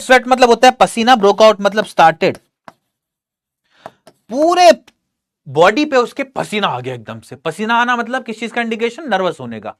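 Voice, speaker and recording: An English teacher explaining a story line by line, reading each English sentence slowly and then explaining it, defining words along the way. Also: mid-range voice. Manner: defines words and checks in with "right?".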